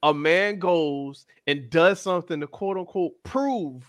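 A man co-hosting a casual chat, animated and acting out quotes in shifting voices. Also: a little high, unhurried, dry recording, studio quality. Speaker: podcast co-host.

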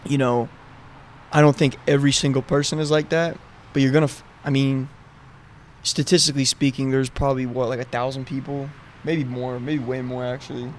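Even-toned man in loose casual conversation. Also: medium pitch, a little fast, slight background noise. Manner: informal, loosely structured, peppered with "like", "right" and "you know". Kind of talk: casual faith discussion.

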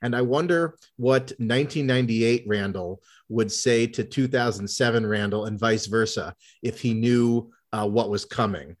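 A man in his thirties co-hosts a sports podcast, chatting casually at normal speed in a medium-pitched voice with hardly any pauses. His talk is wry, rambling, and self-deprecating.

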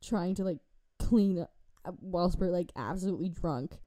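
A woman's voice: on the low side, moderate pace. A young woman co-hosting a podcast, telling stories in casual chat and laughing often. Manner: laughing often, giggly and animated. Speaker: podcast co-host.

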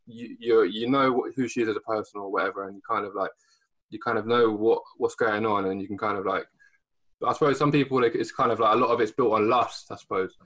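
A man's voice: on the low side, fairly even intonation, quick pace, fairly bright tone, poor audio. A young man hosting a casual podcast, thinking aloud in a rambling, hesitant way. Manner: rambling, hesitant, many fillers and restarts. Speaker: podcast host. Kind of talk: casual chat.

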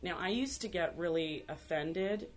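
A woman's voice: lowish voice, measured pace. Bold, flirtatious woman guest. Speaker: guest, TV host. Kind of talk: casual interview chat.

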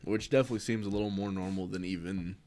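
A man's voice: low voice, steady tone, rapid-fire, a little mellow. A young adult man co-hosting a casual podcast, adding joking asides with chuckles. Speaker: podcast co-host. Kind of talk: casual chat.

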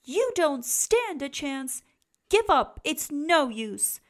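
Greedy little boy squirrel yelling, high and loud, put on by a lady reading a storybook. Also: very animated, slow pace, exaggerated voice. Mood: defiant. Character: greedy male squirrel, fussy hoarder.

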